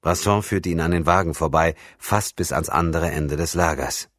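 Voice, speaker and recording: Deep-voiced male audiobook narrator. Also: normal speed, fairly bright tone, no echo, clean studio sound. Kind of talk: scripted narration.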